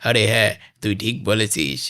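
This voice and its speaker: A man's voice: lowish voice, moderate pace, sharp tone. A man voicing a menacing, greedy male gang boss who taunts and gives orders. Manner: taunting, bossy. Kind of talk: animated game-parody voice acting.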